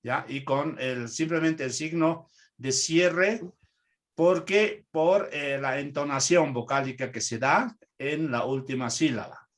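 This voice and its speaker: A Peruvian man teaches an online translation class, speaking slowly in a fairly high voice. He walks through each point step by step and frequently checks in with his students.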